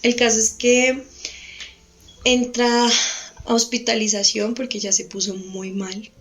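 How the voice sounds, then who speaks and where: A young woman speaks as a guest on an interview podcast. She recounts her story haltingly, trailing off and restarting her sentences as she goes. Her voice sits at an ordinary middle pitch. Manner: hesitant, halting, with frequent restarts.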